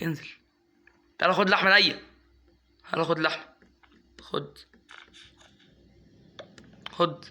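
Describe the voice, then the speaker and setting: Fast, bright-voiced Egyptian gamer. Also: male voice, on the high side. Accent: Egyptian Arabic. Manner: chatty, coaxing and scolding his in-game pet, flaring into excited yelps. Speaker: gaming YouTuber. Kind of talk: casual gameplay commentary.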